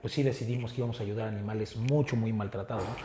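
Earnest Mexican man, mellow and roomy. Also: lowish voice, fairly even intonation, very fast, a little hiss or hum. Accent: Mexican Spanish. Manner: earnest, with frequent filler words. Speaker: animal rescue group founder. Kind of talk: casual interview talk. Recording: roomy echo with faint ambience.

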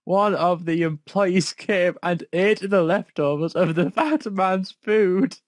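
A slow, mid-range voice reads fan fiction aloud in a studio-quality recording with no echo. Amused by the material, the person interrupts themselves to question the text and ridicule it off the cuff.

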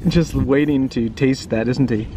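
A man with a mid-range, fairly even voice reads aloud to children without rushing, talking casually and often checking in with the listener through questions and tag questions. He's a teacher and children's book reader; background noise can be heard.

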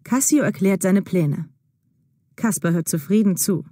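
A woman narrating a story slowly and clearly for language learners. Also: mid-range voice, warm tone, no echo, studio quality. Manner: slow, clear, deliberate reading.

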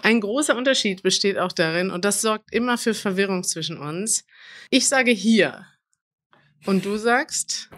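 A woman's voice: medium pitch, measured pace, a bit bright. German woman host, curious, leads with example words. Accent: standard German German. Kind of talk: casual interview.

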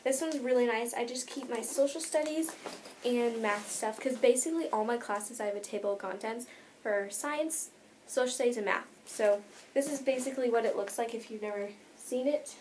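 Showing off her bag's contents, an American teenage vlogger chats to the camera from her bedroom, filling her rambling talk with "like." She speaks at a normal speed in a fairly high, slightly mellow voice, with a bit of hiss or hum.

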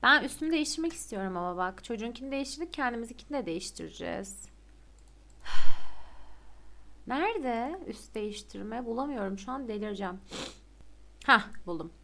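A young woman streaming a life-sim game, chatting excitedly and gushing to her viewers. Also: on the high side, normal speed, gravelly, long pauses. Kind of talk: casual gameplay commentary.

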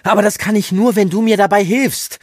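A man's voice: steady tone, a little fast, dry recording, studio quality. A man doing an impatient, pleading young hero. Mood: agitated. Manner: pleading, insistent, raised pitch. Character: headstrong young male farm boy, impatient. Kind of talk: audiobook character reading.

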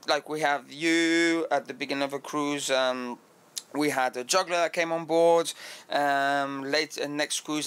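A man's voice: fairly high pitch, fairly bright tone, smooth. Man, talkative cruise director. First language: French. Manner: fluent and talkative, frequent filler pauses. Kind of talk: podcast interview answers.

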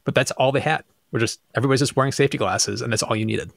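A man's voice: mid-range voice, very fast, creaky, fairly bright tone, no echo, clean studio sound. Eager, laughing man recounting a visit. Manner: enthusiastic, laughs easily. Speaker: podcast co-host, YouTube creator. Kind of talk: casual chat. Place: room with teal backdrop. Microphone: boom mic on arm.

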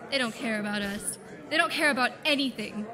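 A woman's voice: on the high side, a little fast, crowd noise, close to an everyday voice. A woman playing a brash, sarcastic detective. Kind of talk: comedic student film acting.

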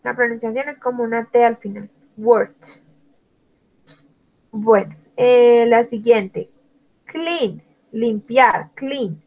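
A woman's voice: a little high, slow pace, darkish tone, rough recording. A woman teaching an English lesson, spelling out words letter by letter and praising students by name. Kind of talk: online language lesson.

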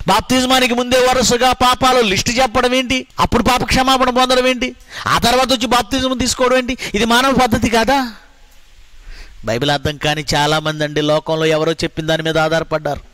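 High-voiced Telugu-accented man preaching. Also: fairly even intonation, a little fast, fairly bright tone, no echo. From India. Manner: emphatic, repeats phrases, rhetorical questions. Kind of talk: sermon.

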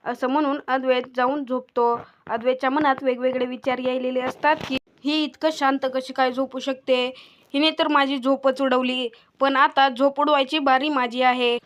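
Woman reading a serial recap, high voice, flat delivery, dull lo-fi audio. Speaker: narrator. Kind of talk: scripted narration of a TV serial plot. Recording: dull lo-fi recording.

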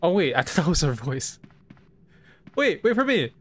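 Woman gamer doing sarcastic playthrough commentary, lowish voice but really animated. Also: normal speed. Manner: sarcastic, bemused, laughs often. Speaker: gaming channel host. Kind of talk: casual game commentary.

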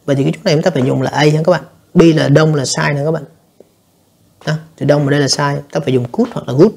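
A male teacher walks students through an exam review lesson. His voice is husky and a bit gravelly, and he speaks fast. He keeps explaining and turning to his listeners as he goes. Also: on the high side, steady tone, darkish tone. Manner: explanatory, addresses students repeatedly, frequent fillers. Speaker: English teacher.

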